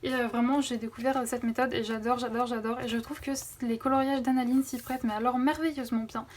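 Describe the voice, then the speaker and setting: This coloring vlogger, a young woman, talks quickly and steadily in a slightly high voice as she excitedly shows off her coloring book haul, using plenty of fillers. Her phone camera picks up slight background noise.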